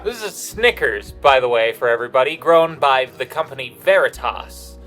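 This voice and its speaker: A man's voice: medium pitch, very animated, moderate pace, fairly bright tone. A young man co-hosting a casual podcast, brash and joking, swearing freely. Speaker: podcast co-host. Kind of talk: casual chat. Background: faint background music.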